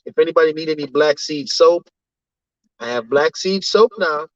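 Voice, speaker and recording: A man hosts a casual livestream, reading names from the chat and often tagging his lines with "you know what I'm saying." His voice is a little high at a moderate pace, in a dry, dull recording.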